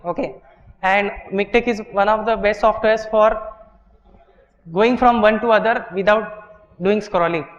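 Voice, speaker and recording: Indian man, instructor, high voice, hall reverb, dull recording, steps through explanations, checks with "okay". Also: steady tone, measured pace, pauses often. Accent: Indian English. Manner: explains step by step, often checks with "okay" and "right". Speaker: workshop instructor. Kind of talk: live classroom teaching. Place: large lecture hall.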